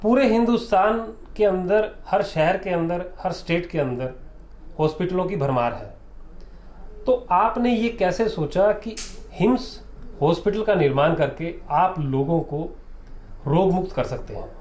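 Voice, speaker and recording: A man's voice: sits high, a little slow, a little mellow. A man interviewing a doctor, asking polite, presenter-style questions. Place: hospital. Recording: roomy with faint background noise.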